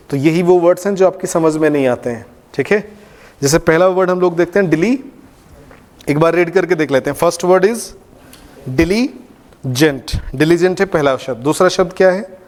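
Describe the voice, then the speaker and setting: A male English teacher with a fairly high, slightly mellow voice gives a vocabulary lecture in a classroom with a board, repeating each word aloud several times as a drill. His voice trails off in a long reverb tail.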